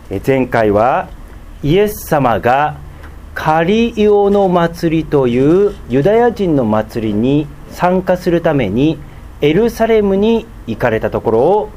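A man preaching a sermon as a pastor, teaching slowly and deliberately with many fillers and sudden emphatic rises. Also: mid-range voice, a little mellow, slight background noise.

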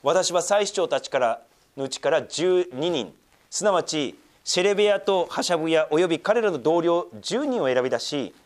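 A man preaching a sermon, reading scripture aloud and then explaining it with lively asides. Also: on the high side, moderate pace. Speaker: pastor.

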